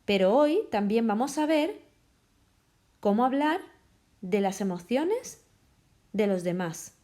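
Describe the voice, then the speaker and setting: A woman teaches a French lesson, moving between French and as she explains. Her voice sits a little high and swings lively up and down. She speaks slowly and deliberately so learners can repeat after her. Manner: switches between French and Spanish, models pronunciation slowly. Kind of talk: slow, clear classroom lesson.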